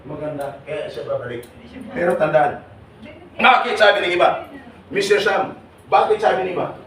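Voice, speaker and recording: A man runs a lively seminar in a big, echoing hall, and his voice comes from far across the room with steady noise behind it. He teases the audience and keeps calling on people to answer his questions. His voice sits a little high for a man. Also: moderate pace. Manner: teasing, jokey, calls on audience members. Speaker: seminar speaker for overseas workers. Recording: echoey hall, voice from far off, noisy.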